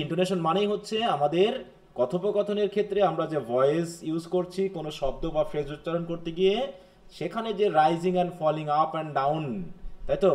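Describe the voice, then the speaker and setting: Male lecturer with a Bangladeshi accent and a slightly raised pitch, reads English lines slowly. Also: darkish tone. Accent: Bangladeshi Bengali. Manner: explains in Bengali and reads English definitions slowly; keeps asking the class questions. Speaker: teacher. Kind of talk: live lecture.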